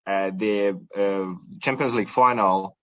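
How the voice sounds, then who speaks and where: In a lowish voice with fairly even intonation and a measured pace, a young adult man from Ukraine chats as a guest from a supporters club. The setting is a casual podcast interview, and his speech is full of fillers and restarts.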